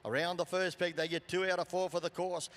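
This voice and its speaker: Australian male arena sports announcer, higher-pitched voice, live commentary with long PA reverb. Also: fairly even intonation, fairly quick, fairly bright tone. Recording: PA echoing through large arena.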